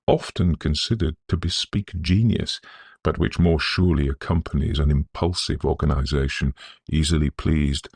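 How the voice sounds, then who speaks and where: Close-miked and dry, a very deep male narrator with a husky texture reads a Victorian ghost story in a measured, scholarly manner. His sound is a little mellow.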